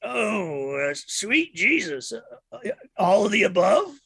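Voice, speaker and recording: A man voicing a rambling, folksy hobo-like hitchhiker with a raspy, smoker's throat in an improvised tabletop game. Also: high-pitched, big pitch swings, slow pace, a bit bright, no echo, voice pushed up, exaggerated voice. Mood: dazed, halting. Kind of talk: improvised tabletop role-play.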